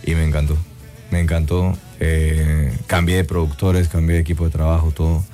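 With faint music in the background, a man from Guatemala speaks in a rumbling low, dark voice, level in tone and at normal speed. He's a singer in a relaxed interview, thoughtful and full of "eh" fillers and tag questions like "¿no?".

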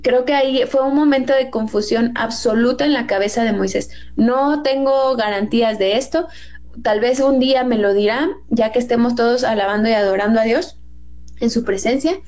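A Mexican woman with a Mexican Spanish accent and a fairly high voice talks through a Bible story in a casual, chatty way. She acts out the quotes she retells with a lifted voice. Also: moderate pace, a little mellow.

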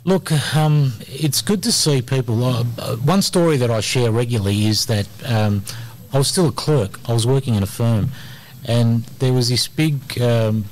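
A middle-aged Australian immigration lawyer speaks energetically at a normal pace, his voice medium in pitch and somewhat dark. It's a casual radio interview full of ums and uhs, recorded in a community centre hall.

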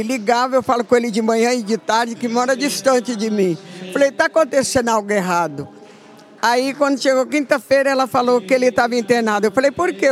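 Older woman member giving a heartfelt spoken testimony; earnest storyteller. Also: a little high. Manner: earnest, storytelling, quoting herself.

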